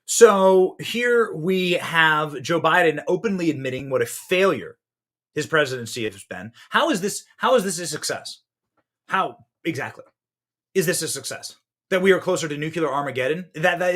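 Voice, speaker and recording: A man in his thirties hosting a political podcast, giving fiery commentary that swings between loud outbursts and hushed asides. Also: fairly high pitch, expressive, moderate pace. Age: 30s.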